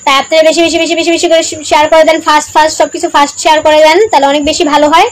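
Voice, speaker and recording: A young woman hosting a casual livestream, reading comments aloud and loudly urging viewers to share, comment and follow, repeating herself often. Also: high-pitched, level tone, very fast, poor audio. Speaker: livestream host.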